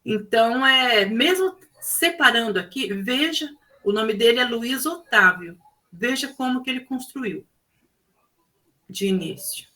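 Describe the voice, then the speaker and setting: A woman's voice: fairly high pitch, expressive, measured pace, bright, forceful tone, low-quality recording. A woman teacher with a Brazilian Portuguese accent, presenting her classroom project in an explanatory way with frequent fillers.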